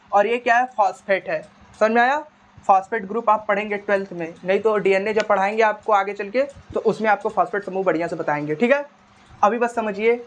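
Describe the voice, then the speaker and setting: A male teacher with a high voice gives a conversational biology lecture in class. He keeps asking short questions, answers them himself, and repeats the key terms.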